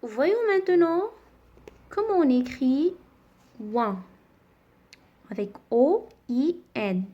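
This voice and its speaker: A woman leads a children's reading lesson at a very unhurried pace. Her voice sits a little high, and she spells out each sound with care. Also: animated, muffled recording. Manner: slow, deliberate, spelling out sounds. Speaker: teacher.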